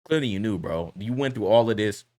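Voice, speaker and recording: A man hosting a reaction video, talking in an animated, heated, blunt way with slang and swearing. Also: lowish voice, fairly quick. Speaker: reaction commentary host. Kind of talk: casual reaction commentary.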